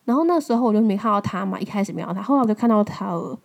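A woman's voice: medium pitch, expressive, rapid-fire, gravelly. A young woman in her twenties from Taiwan, hosting a podcast and telling a personal story in a loose, conversational way, full of fillers and restarts. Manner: conversational, many fillers and restarts, rises when retelling angry lines. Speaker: podcast host. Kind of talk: casual storytelling monologue.

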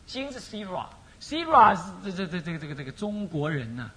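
A man's voice: sits high, big pitch swings, brisk, pushed and bright, a little hiss or hum. A man with a Taiwanese Mandarin accent gives a Buddhist sutra lecture as an abbot. He keeps asking his listeners rhetorical questions, drops into Taiwanese Hokkien phrases and makes jokey, chuckling asides.

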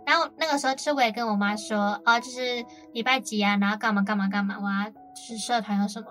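A woman's voice: mid-range voice, fairly even intonation, quick pace, a bit bright, soft background music. A young woman from Taiwan co-hosting a casual radio chat, telling stories in a chatty way with many fillers. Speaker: co-host.

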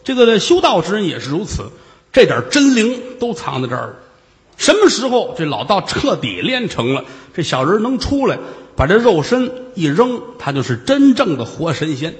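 A man's voice: sits high, very animated, normal speed. A man telling a traditional story, dramatic and full of sound effects. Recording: long hall reverb.

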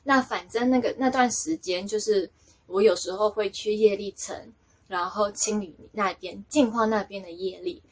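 A woman tells a personal story in a casual, rambling podcast style. She circles back on her words and laughs at herself as she goes. Her pitch is medium. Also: moderate pace.

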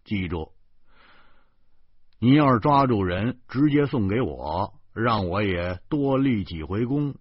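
A man reading as a chatty old policeman close to retirement, joking and teasing in a low, husky voice that rises and falls a lot. The recording is dull and dry. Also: animated, slow pace, no echo, heavily acted. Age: near retirement. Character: easygoing older male Beijing beat cop.

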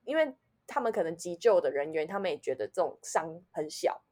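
A woman with a Taiwanese Mandarin accent telling a personal story in casual chat, animated, swinging between loud outbursts and low muttering. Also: fairly quick. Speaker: podcast co-host.

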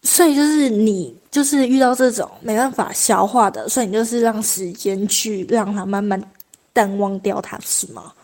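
Woman, podcast co-host, casual chat, gentle questioning, mid-pitched voice. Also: moderate pace.

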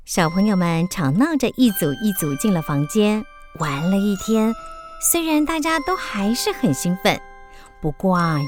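A woman giving gentle, lilting scripted narration for a children's radio drama. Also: mid-range voice. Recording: children's music underneath.

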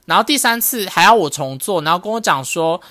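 A woman in her twenties with a Taiwanese Mandarin accent, co-hosting a casual podcast and telling a story in a blunt, animated way with some swearing. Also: on the low side, a little fast, no room sound, clean studio sound. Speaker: podcast co-host. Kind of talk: casual chat.

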